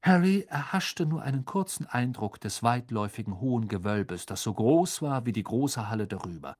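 A man narrating a children's fantasy audiobook with expressive, lively storytelling. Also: mid-range voice, normal speed.

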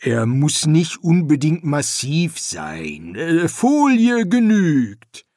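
A flustered middle-aged pyramid builder, as the narrator puts him on. He drags out his words slowly and stumbles over fillers, in a dry close recording. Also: on the high side, huge pitch swings, darkish tone, no room sound, voice pushed up, full character voice. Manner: hesitant, halting with fillers.

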